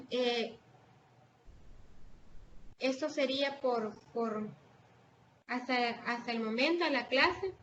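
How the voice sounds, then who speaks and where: A woman's voice: fairly high pitch, slow pace, pauses often, a bit bright. A woman with a Salvadoran accent teaching an online class, hesitating with fillers and restarts as she explains. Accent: Salvadoran Spanish. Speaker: online tutor. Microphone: video call. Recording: dull lo-fi video call audio with faint noise.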